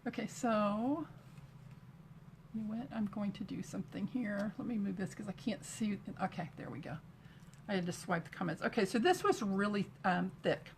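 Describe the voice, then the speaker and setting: A woman's voice: medium pitch, normal speed, vocal fry, darkish tone, a little hiss or hum. Chatty Texan woman demonstrating crafts live. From Texas, USA. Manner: chatty, greets viewers while working with her hands. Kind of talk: live-streamed craft demo.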